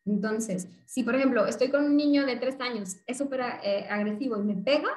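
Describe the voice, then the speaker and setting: A woman psychologist, explaining calmly and didactically in an interview and acting out examples. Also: fairly high pitch, fairly quick. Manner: calm, didactic, acts out examples. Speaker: psychologist guest. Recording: roomy echo.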